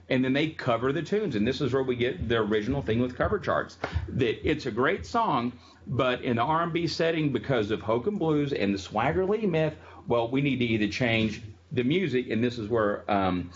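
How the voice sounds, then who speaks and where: A man lectures to a classroom in a relaxed, chatty way, drifting into stories and filling pauses with ums. The recording sounds a little dull, with a faint hiss underneath. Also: mid-range voice. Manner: chatty, storytelling, frequent ums. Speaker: music history lecturer.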